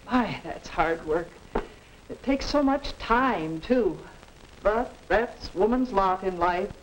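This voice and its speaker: A woman's voice: medium pitch, animated, slow pace. A woman playing a tired, resigned old-time housewife with a plaintive manner, in 1950s educational film style. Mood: weary, resigned. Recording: noisy 1950s film soundtrack.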